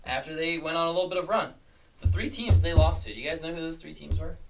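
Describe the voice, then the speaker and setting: A man's voice: a little high, quick pace, creaky, distant mic, faint music behind. A man hosting a sports podcast, leading the game picks in an upbeat, casual way. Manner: upbeat, leads the discussion. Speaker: podcast host running the picks.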